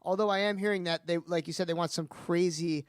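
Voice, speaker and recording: A man hosting a casual sports chat on his radio show, with smooth radio-style sign-offs. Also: high voice, fairly even intonation, brisk, no room sound, studio quality.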